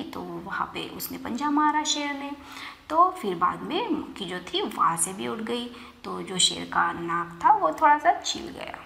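A woman's voice: medium pitch, creaky, fairly bright tone, roomy sound. A woman teacher reading a story for young children aloud, then explaining each line again in simpler words.

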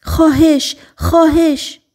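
A woman narrator voicing a panicked teenage girl who begs for help in a high, urgent, pleading voice in an audiobook. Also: fairly even intonation, darkish tone, lightly acted.

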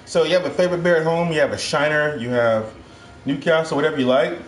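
A man's voice: a little high, fast talker. A middle-aged man from Ohio hosting a casual home cooking show, chatty and upbeat, calling his viewers guys, filmed by a far camera in a kitchen. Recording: echoey kitchen with music behind.

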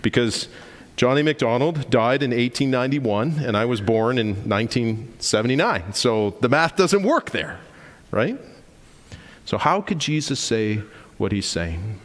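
A man's voice: lively intonation, unhurried. Male pastor, forties, emphatic sermon delivery, mid-range voice, long church reverb. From Canada. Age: 40s. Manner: emphatic preaching, rising in pitch to stress points. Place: church sanctuary.

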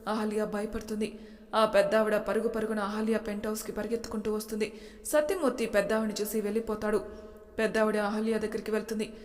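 A woman reads a story aloud in a steady, matter-of-fact manner, her pitch staying flat and even. Her voice sits in a long, hall-like reverb. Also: quick pace. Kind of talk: audiobook narration.

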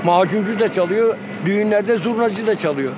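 A high-voiced man eagerly rattles off birdsong imitations, one after another. He is recorded outdoors, with loud street and boat noise behind him. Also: normal speed. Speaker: bird enthusiast. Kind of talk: documentary interview.

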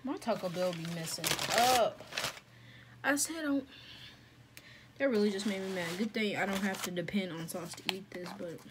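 A woman films a casual mukbang, chatting away between bites and often talking with her mouth full. Her voice sits at a plain middle pitch. A fan hums faintly in the background. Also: normal speed, pauses often. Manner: chatty, talks while eating with mouth full. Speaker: food vlogger. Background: faint fan hum.

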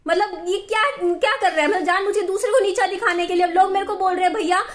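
Very high-pitched woman in a heated rant. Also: steady tone, fast talker. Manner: heated, defensive and repetitive, near tears at times. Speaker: vlogger. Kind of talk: emotional vlog rant.

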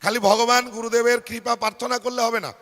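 A man's voice: very high voice, flat delivery, fast, fairly bright tone. A male preacher with a Bengali accent giving a devotional sermon, asking the crowd questions and having them repeat phrases after him. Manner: rhetorical questions to the audience. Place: large hall at a devotional fair. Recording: long hall reverb.

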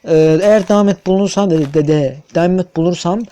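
Young male gaming youtuber, mellow voice, slightly high, chatty and swearing. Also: fast. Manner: chatty, swears, hums and stammers. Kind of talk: casual gameplay commentary.

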